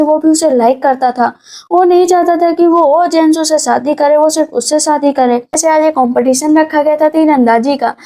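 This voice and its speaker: A woman's voice: sits high, dark tone. A woman narrating a casual recap of a drama's plot, chatty and full of fillers. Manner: chatty, filler-laden retelling.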